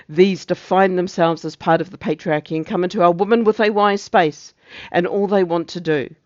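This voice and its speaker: A man's voice: sits high, a little mellow, no echo, lo-fi sound, natural voice. A man playing a pompous, zealous morality officer, declaiming a satirical monologue in preachy, emphatic speeches.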